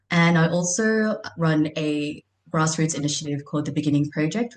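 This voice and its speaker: A woman's voice: sits low, a little mellow. A woman introduces herself on an online panel, friendly and composed. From Australia. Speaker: panellist, project officer. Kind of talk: casual self-introduction. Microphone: online video call. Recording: echoey room.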